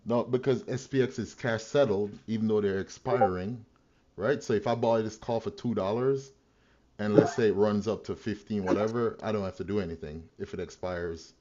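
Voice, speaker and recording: Male trader streamer, deep-leaning voice, casual foul-mouthed slang, muffled stream sound. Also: steady tone, moderate pace, mellow. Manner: slangy, heavy swearing. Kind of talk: live trading stream commentary, casual chat.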